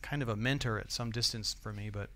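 A man's voice: fairly low pitch, fairly even intonation, fast, sharp tone. A man with an American accent preaching a sermon in a church, conversational and often asking the congregation questions. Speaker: pastor.

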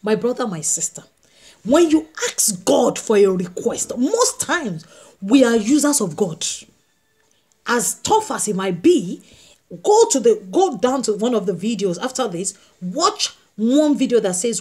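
A woman preaches with a fairly high voice that swoops and climbs through every sentence. She drives her points home by repeating them and tells stories with conviction. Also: dark tone, husky. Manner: emphatic, repeats key phrases; storytelling with acted quotes. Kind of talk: sermon.

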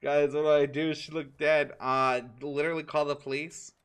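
A man's voice: on the high side, little pitch movement, moderate pace, a bit bright, a little hiss or hum. A man co-hosting a live gaming stream, chatting casually, laughing and swearing as he reacts to the game. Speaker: streamer co-host.

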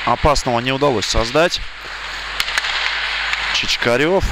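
A man giving live play-by-play commentary on an ice hockey match, speaking haltingly with pauses as he follows play. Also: mid-range voice. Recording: loud rink noise behind the voice. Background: indoor ice rink noise.

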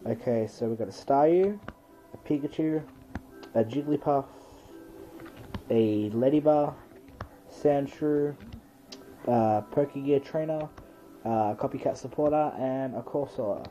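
A man's voice: mid-range voice, unhurried, pauses often, warm tone, lo-fi sound, soft background music. A man casually commenting as he hosts an unscripted unboxing video, listing items one by one in a matter-of-fact way. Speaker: trading card pack-opening video host. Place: bedroom, indoors.

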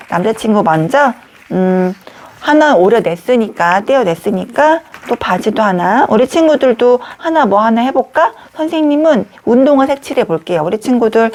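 A woman teacher leading a craft lesson for young children, talking gently in a sing-song way. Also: fairly high pitch.

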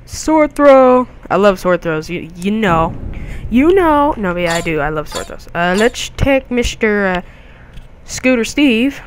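A young man hosting a gaming video, giving jokey, excitable commentary with crude outbursts as he plays. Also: high voice, a little slow, slight background noise. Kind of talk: gameplay commentary.

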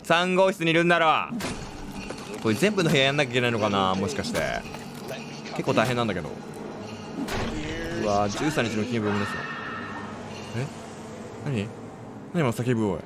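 A man casually commentating his playthrough of a horror game, chatty and quick to react with exclamations. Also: fairly low pitch, lively intonation, very noisy.

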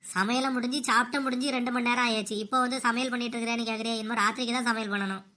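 A scheming young daughter-in-law in a cartoon, voiced by a woman, with a Kanyakumari Tamil accent. She rattles along quickly in a bright, fairly high voice and sounds quick-tongued and mocking. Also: steady tone. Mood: tart.

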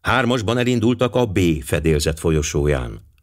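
Low-voiced, expressive male narrator. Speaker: audiobook narrator. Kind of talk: scripted narration.

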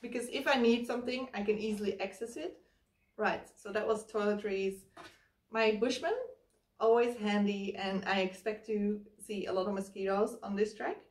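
A woman's voice: mid-range voice, steady tone, moderate pace. Woman in her 30s talking thru packing her hiking bag, step by step, echoey room, mic kinda far off. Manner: chatty, explains step by step while packing. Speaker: hiking vlogger. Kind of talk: casual how-to walkthrough. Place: living room, indoors. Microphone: camera mic from across the room. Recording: roomy, slightly distant camera sound.

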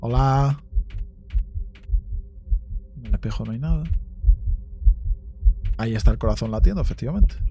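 A man's voice: mid-range voice, moderate pace, long pauses, noisy background. A man with a Spain Spanish accent giving let's play commentary on a horror game, jumpy, swearing often and talking to himself. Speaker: gaming YouTuber.

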